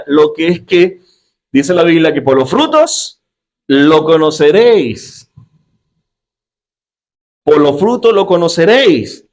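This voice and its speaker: Animated preaching man, playful. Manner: lively, acts out quotes with sudden pitch jumps. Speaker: pastor. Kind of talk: humorous sermon.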